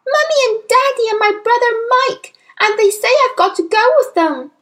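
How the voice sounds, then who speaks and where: A small, earnest girl from a children's storybook. The voice is very high and swoops with urgent emphasis. The delivery is breathless, bright-minded and pleading. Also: very animated, measured pace, exaggerated voice. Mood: panicked, breathless. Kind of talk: children's audiobook character voice.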